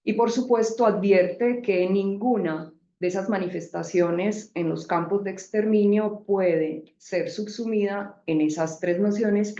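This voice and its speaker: A woman speaker answering a question in an academic seminar, measured and explanatory. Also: mid-range voice, dark tone. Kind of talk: academic reply in a debate. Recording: echoey room, dull sound.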